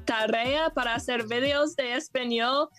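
A woman from the United States with an American accent, a native English speaker, guesting on a podcast and speaking Spanish slowly and carefully, searching for words. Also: a little high, fairly bright tone. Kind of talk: casual chat in learned Spanish.

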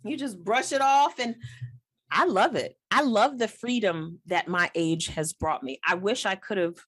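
A woman's voice: mid-range voice, lively intonation, measured pace, breathy edge. Emphatic woman in her late forties. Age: 40s. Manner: emphatic, encouraging, laughs often. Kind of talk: casual chat.

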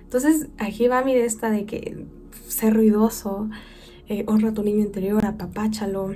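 A woman's voice: medium pitch, level tone, normal speed. A young woman with a Mexican accent hosting a casual self-care podcast, talking like a chatty friend who acts out quoted voices. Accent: Mexican Spanish. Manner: chatty, warm-hearted advice with playful quoted voices. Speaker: podcast host.

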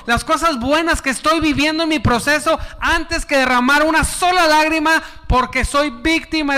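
A man preaching a sermon with call and response, animated, acting out dialogue and dropping to hushed tones. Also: very high-pitched. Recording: long hall reverb.

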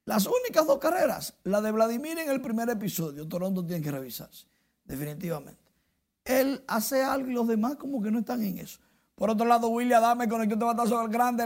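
A man presenting the sports news in a lively, excited manner. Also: very high voice, moderate pace. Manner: lively, excited play-by-play delivery.

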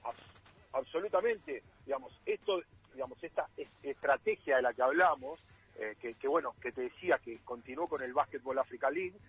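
Raspy, lively Argentine man on a phone line. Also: medium pitch, brisk. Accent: Argentine Spanish. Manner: explanatory, with many fillers and restarts. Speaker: radio sports columnist. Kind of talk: radio panel talk.

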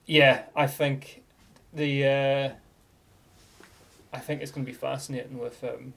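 Male co-host for a relaxed sports discussion podcast; gravelly, with noticeable vocal fry. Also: mid-range voice, a little slow.

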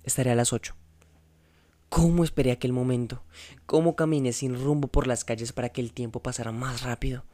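A man narrating a first-person novel in a measured, intense way. His voice is warm and mellow. The recording is close and dry, with no room sound. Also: medium pitch, fairly even intonation, no echo. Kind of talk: audiobook reading of a novel.

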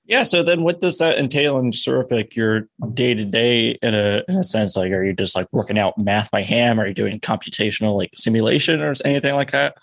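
A man hosting a podcast, asking relaxed, curious questions with casual fillers. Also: mid-range voice, fairly quick, hardly any pauses. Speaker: podcast host. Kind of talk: casual interview.

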